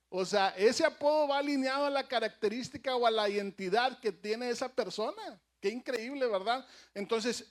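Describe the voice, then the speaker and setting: A male pastor giving a conversational sermon, telling funny anecdotes and asking the congregation questions. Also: very high voice. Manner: conversational, humorous anecdotes with audience asides.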